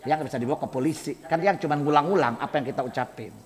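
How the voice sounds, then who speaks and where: High-voiced guy preaching in a mosque, slang, keeps throwing questions at the crowd, echoey hall. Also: rapid-fire. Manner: rhetorical, provoking the audience with repeated questions. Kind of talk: mosque sermon. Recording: long hall reverb in a mosque.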